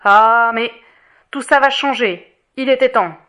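Woman reading a merciless male inspector in an audiobook, loud and sneering, voice pushed higher. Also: unhurried. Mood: furious. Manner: shouting, sneering, mocking laughter. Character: harsh male police inspector, scornful and merciless.

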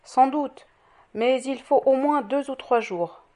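A woman voicing a grave, calm male mayor who speaks softly and slowly. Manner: grave, low-voiced.

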